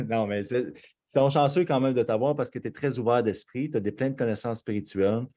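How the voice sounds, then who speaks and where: A man's voice: mid-range voice, fairly quick, warm tone. A man with a Quebec French accent, hosting a casual chat and praising his guest. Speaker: host.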